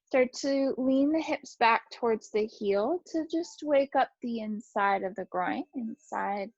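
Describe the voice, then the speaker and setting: A woman instructor calmly guiding a gentle yoga class, cueing each breath and movement. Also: fairly high pitch, unhurried, dry recording, highs cut off.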